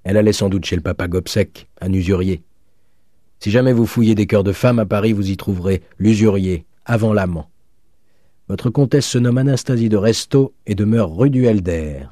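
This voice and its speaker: A mocking, worldly cynic, given voice by a male reader, low and dark in tone. He speaks with sardonic assurance, knowing better than everyone at the table. Dry, close audiobook sound. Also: moderate pace, dry recording, close to an everyday voice. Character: cynical worldly middle-aged man, mocking. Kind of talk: audiobook reading.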